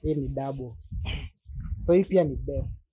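A man's voice: medium pitch, measured pace, dark tone, low-quality recording. A man with a Kenyan accent chatting and demonstrating products in an informal, slangy way, switching between languages. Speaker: content creator and machine seller. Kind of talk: casual chat and product demonstration.

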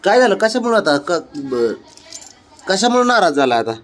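A man with a fairly high voice sweet-talks his cat in casual pet talk. He coaxes and cajoles in a cooing, affectionate way, half pleading and half teasing. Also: very animated, moderate pace.

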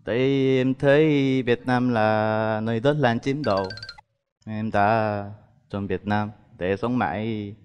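A Korean man in his thirties speaking polite, halting Vietnamese with a Korean accent as he answers questions on a dating show. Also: lowish voice, steady tone, a little mellow, long reverb tail, soft background music. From South Korea. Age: 30s. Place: TV studio stage. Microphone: headset.

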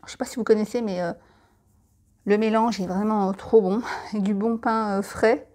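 A woman's voice: mid-range voice, fairly even intonation, normal speed, mellow. A French woman chatting through a supermarket catalogue, listing products and prices with friendly tips and asides. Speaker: catalogue presenter.

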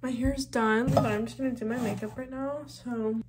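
A woman's voice: on the high side, fairly even intonation, normal speed, very noisy. A young woman chatting casually to her vlog in a girlish way, peppering her sentences with "like". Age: young adult. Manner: chatty, girlish, heavy use of "like". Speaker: vlogger, college student in sorority recruitment. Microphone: phone at arm's length or propped nearby.

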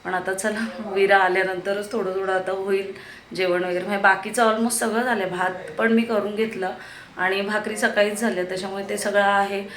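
A woman's voice: mid-range voice, flat delivery, moderate pace, a bit bright, slight background noise. A woman in her thirties from Maharashtra, chatting in a casual daily vlog from her home kitchen, with frequent hesitant fillers. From Maharashtra, India. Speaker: vlogger.

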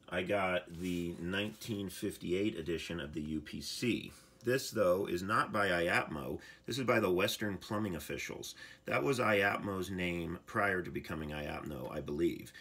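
A man's voice: sits low, a bit bright, slightly rough. A man giving an impromptu, casual show-and-tell at a table, thinking aloud with fillers as he goes. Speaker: code educator showing his book collection. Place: indoors at a wooden table.

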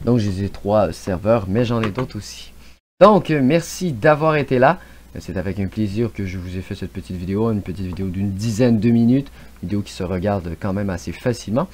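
A man giving excitable let's play commentary, then chatting to his viewers in an outro. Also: on the low side, fairly quick, slight background noise. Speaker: YouTube gamer.

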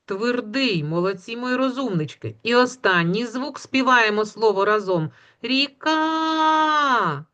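A woman teaching a phonics lesson to young children, patient and slow, drawing out the sounds and praising often. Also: medium pitch, lively intonation, fairly bright tone. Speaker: kindergarten teacher.

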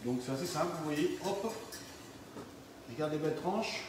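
A man's voice: a little high, animated, normal speed, echoey room, distant mic, a little hiss or hum, rough recording. A man co-hosting a live cooking demonstration, casually explaining his steps. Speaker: co-host cook.

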